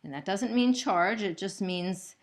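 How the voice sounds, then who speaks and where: A woman's voice: medium pitch, unhurried. A woman narrating a corporate training video as a trainer, explaining each step in a patient, methodical, unscripted way. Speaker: trainer for gallery sales staff.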